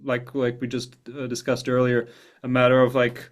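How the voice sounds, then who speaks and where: A man from Germany speaks in a steady, flat tone with little rise and fall. He is a composer talking about his craft in an interview and often repeats words while he gathers his thoughts. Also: mid-range voice, moderate pace. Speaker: film composer. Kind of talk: interview answers.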